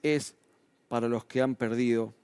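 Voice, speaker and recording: A man's voice: mid-range voice, steady tone, unhurried, darkish tone, smooth, dry recording. Rioplatense preacher man, dry close sound. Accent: Rioplatense Spanish. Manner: conversational preaching with tag questions, voice rising and falling for emphasis. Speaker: pastor. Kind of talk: sermon.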